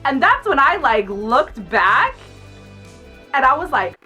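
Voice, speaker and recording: Animated, outspoken woman telling a story. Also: sits high, slow pace, music in the background. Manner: animated, outspoken, laughs often. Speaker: makeup artist vlogger. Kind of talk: casual storytime vlog.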